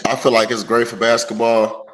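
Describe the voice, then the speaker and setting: A man's voice: medium pitch, completely flat delivery, moderate pace, a bit bright, slight background noise, rough recording. A man chatting casually about sports as a co-commentator, using slang and some swearing. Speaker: co-commentator on a sports talk show.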